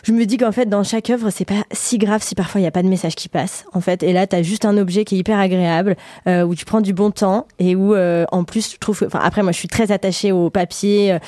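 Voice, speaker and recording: A woman's voice: mid-range voice, fairly even intonation, fairly quick, few pauses, mellow, no room sound, clean studio sound. A woman on a radio panel speaking emphatically and directly about why she loves a book. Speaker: radio panelist reviewing books. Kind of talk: casual radio book review chat.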